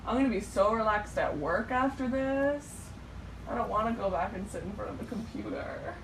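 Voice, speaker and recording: A woman's voice: mid-range voice, expressive, moderate pace. Young woman chatting casually, distant and echoey. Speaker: patient trying a treatment on camera. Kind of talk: casual chat. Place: acupuncture treatment room. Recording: noisy echoey room, off the mic.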